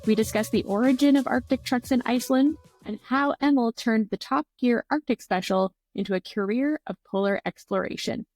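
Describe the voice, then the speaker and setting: A woman's voice: fairly high pitch, normal speed, hardly any pauses, a little mellow, no echo, soft background music. A woman hosting a podcast, reading an intro and interviewing a guest with upbeat enthusiasm. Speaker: podcast host. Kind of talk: scripted intro, then casual interview.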